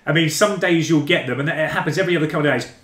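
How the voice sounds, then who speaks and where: A man's voice: a little high, rapid-fire, fairly bright tone. A man hosting a gaming live stream, chatting loosely and reading out viewer comments, calling them mate and guys. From England. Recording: roomy echo.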